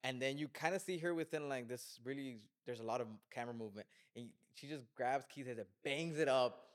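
Excitable swearing man recapping a horror film. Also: mid-range voice, brisk. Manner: excitable, profane, acts out scenes. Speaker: film discussion podcast co-host.

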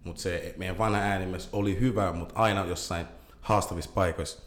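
Low-voiced man in an echoey room. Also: slight background noise. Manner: loose, animated storytelling with English slang. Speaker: band vocalist. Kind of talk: casual interview chat.

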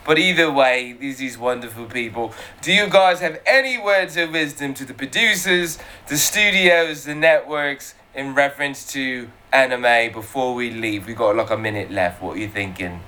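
A man's voice: mid-range voice, moderate pace, few pauses, bright, forceful tone. A man hosting a casual panel chat, upbeat and rambling with fillers. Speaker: host.

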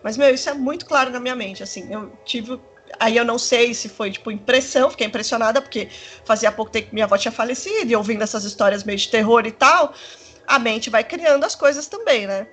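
A woman, telling a personal story in casual chat, rambling and animated with many fillers. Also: fairly high pitch, fast, slightly rough. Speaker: storyteller in a conversation.

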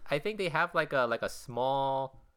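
A man's voice: mid-range voice, lively intonation, moderate pace, pushed and bright, smooth. A young man in casual chat who rambles and hesitates, often restarting his sentences.

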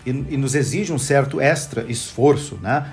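A Brazilian man who teaches English, explaining his view in a casual, animated panel chat. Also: mid-range voice, moderate pace, faint music behind. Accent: Brazilian Portuguese. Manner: animated, explanatory, self-correcting.

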